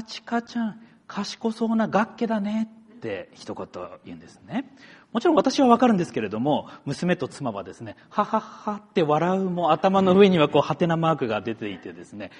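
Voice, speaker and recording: A man's voice: medium pitch, slightly rough, in a large hall. A middle-aged man from Akita, a pastor giving a chatty sermon, talking straight to the congregation. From Akita, Japan. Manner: chatty, story-telling asides that address the congregation. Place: church sanctuary.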